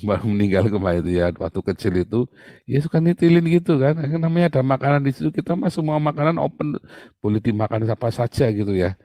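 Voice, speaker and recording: A middle-aged man preaching a sermon in a chatty, animated way with casual asides. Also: medium pitch, dry recording.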